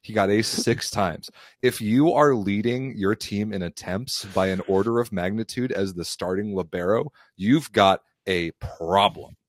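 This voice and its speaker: A man co-hosting a sports podcast, speaking in a matter-of-fact, blunt and brisk way. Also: on the low side, dry recording. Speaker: podcast co-host. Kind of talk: casual sports chat.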